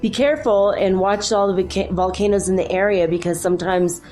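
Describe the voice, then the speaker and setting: A woman's voice: mid-range voice, fairly quick, a little mellow, faint music behind. A woman chatting informally and ramblingly on a solo podcast as host, quoting her own thoughts, with a thick, swollen-throat sound to her voice.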